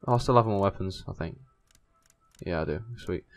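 A man hosting a gaming video, giving casual, excitable, mildly sweary commentary as he plays with a friend. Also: low voice, fairly quick, vocal fry.

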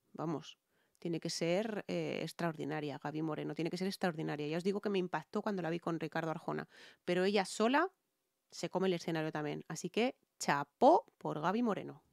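Emphatic Spanish woman, low dry voice. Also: normal speed, creaky, darkish tone, dry recording. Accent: Spain Spanish. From Spain. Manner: emphatic, chatty, addresses viewers with ¿vale?. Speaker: singer reviewing music. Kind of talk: reaction and vocal analysis.

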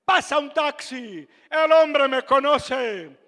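An older man with a Venezuelan accent, a pastor telling a personal testimony in a sermon, dramatic and emphatic with bursts of shouting. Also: very high voice, lively intonation, slow pace, big-room sound. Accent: Venezuelan Spanish.

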